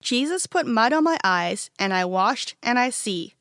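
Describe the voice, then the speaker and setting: A woman's voice: on the high side, lively intonation, a little slow, a bit bright, no echo, studio quality. A woman reading the part of an earnest, once-blind man in a storybook, speaking plainly and insistently. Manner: insistent, matter-of-fact.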